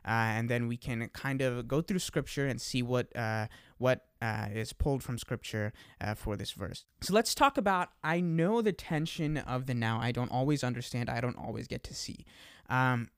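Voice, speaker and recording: A man's voice: mid-range voice, normal speed, clear, resonant tone, no echo, clean studio sound. A young adult man hosting a casual podcast. He talks in an easygoing way, laughs at himself and uses lots of fillers. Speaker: podcast host. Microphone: desk microphone.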